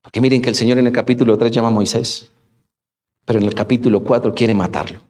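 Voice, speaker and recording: A man preaches a radio sermon, his voice sitting at an ordinary middle pitch. He keeps posing rhetorical questions and turning to his listeners as brothers. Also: steady tone, quick pace, a little mellow. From Colombia. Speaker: pastor. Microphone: studio microphone for radio broadcast.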